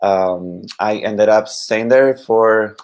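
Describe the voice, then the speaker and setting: On a casual live stream, a Costa Rican man in his thirties talks about teaching Spanish. His fairly low voice is a little mellow, clear, and resonant, and he speaks haltingly with plenty of fillers and restarts.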